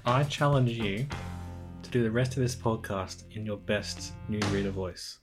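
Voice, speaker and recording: A man's voice: lowish voice, moderate pace, gravelly, music in the background. A man with an Australian accent hosting a casual podcast, teasing his co-host in playful banter. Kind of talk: casual chat.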